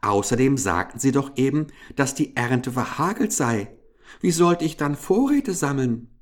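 A man voicing a clever little female field mouse who pleads and whines in a high, plaintive voice. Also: animated, a little slow, lightly acted. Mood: wheedling. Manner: whining, pleading, sighing.

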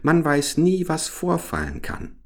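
A man's voice: on the high side, big pitch swings, unhurried, voice pushed up. A man voicing a fierce, wild little robber girl who talks in a bossy, teasing and threatening way.

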